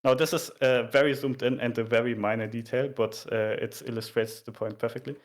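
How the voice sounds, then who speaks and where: A man explaining things informally in a casual chat, in a somewhat halting, hesitant way. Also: medium pitch, steady tone. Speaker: explainer of video game graphics.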